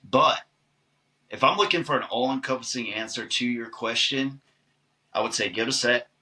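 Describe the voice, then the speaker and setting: A man who is an actor, answering podcast questions in a relaxed, chatty and long-winded way. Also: medium pitch, moderate pace, poor audio. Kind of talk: casual podcast conversation.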